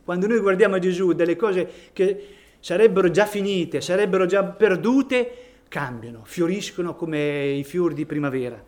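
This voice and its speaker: A man's voice: high voice, normal speed, a little mellow. A man preaching a sermon in a church, reading scripture and rising to emphatic peaks on key phrases.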